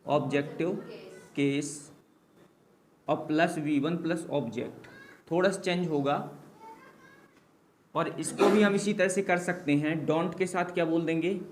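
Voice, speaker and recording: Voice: mid-range voice, noisy background. A teacher giving a spoken language lesson, drilling phrase after phrase with patient repetition and answering their own questions along the way. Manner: slow patient drilling, repeating each phrase. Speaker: English teacher.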